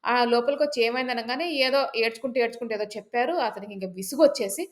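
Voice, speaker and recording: A woman's voice: a little high, fast. A woman storyteller telling a folk tale in a chatty, casual way, with many fillers and asides.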